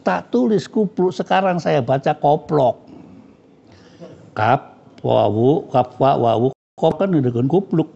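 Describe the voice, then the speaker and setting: A cleric gives a frank, joking scripture lesson. His fairly high voice is mellow with a gravelly edge. The recording sounds dull and lo-fi. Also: expressive, slow. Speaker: Islamic cleric teaching scripture. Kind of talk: casual religious study lecture.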